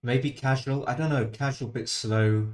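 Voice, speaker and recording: This man's mid-range voice is steady and darkish, and he speaks a little slowly. Streaming online backgammon from a desk microphone, he chats casually with dry self-deprecation and mutters his thoughts under his breath.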